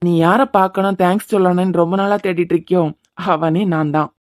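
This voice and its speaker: A woman's voice: on the low side, steady tone, fairly quick, darkish tone, no echo, clean studio sound, natural voice. A woman voicing a teasing, playfully romantic young husband in a cartoon, with a Kanyakumari Tamil accent. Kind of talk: cartoon voice acting.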